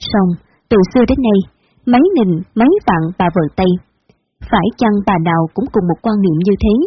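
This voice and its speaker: Brief: husky female narrator, measured story reading, muffled lo-fi recording. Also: mid-range voice, no room sound. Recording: dull lo-fi recording.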